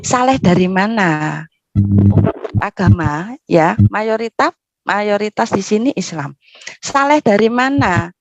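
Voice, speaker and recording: A woman's voice: mid-range voice, very animated, measured pace, faint music behind. A woman, speaking as a panelist in a heated online discussion over choppy, glitching call audio that keeps breaking up, firing off indignant rhetorical questions. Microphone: video call mic. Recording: dull, dry lo-fi call audio.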